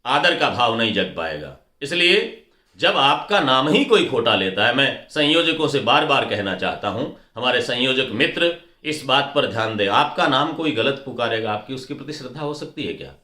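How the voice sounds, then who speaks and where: Middle-aged guy lecturing on pronunciation, bright ringing voice, echoey room. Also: medium pitch, big pitch swings, moderate pace. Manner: didactic, repeats words to contrast right and wrong pronunciation. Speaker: teacher of stage anchoring.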